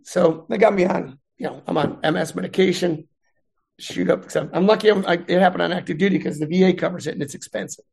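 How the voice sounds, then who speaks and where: A middle-aged man, a veteran and math instructor, chatting in an interview with animated, rambling storytelling. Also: high-pitched, quick pace, vocal fry, husky. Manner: rambling, animated retelling with voiced quotes.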